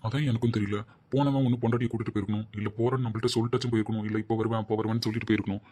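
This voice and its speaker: A stern middle-aged father, annoyed and scolding, played by a man. His voice is low and flat. He rattles off his complaints very fast. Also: natural voice.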